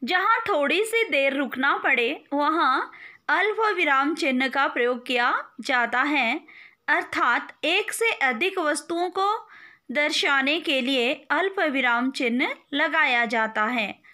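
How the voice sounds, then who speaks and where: Slow, high-voiced woman teacher. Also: expressive, sharp tone. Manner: slow, deliberate dictation-like delivery. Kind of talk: online grammar lesson.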